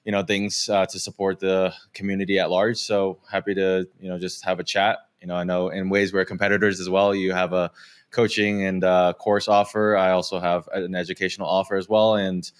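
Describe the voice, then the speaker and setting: A man's voice: low voice, level tone, brisk, clean tone. A man guest on a casual podcast, talking hesitantly with many filler words.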